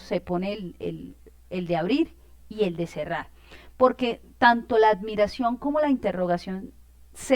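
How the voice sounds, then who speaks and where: A woman's voice: medium pitch, dry recording. A woman teacher, explaining a lesson in an informal way, with many fillers and check-in questions.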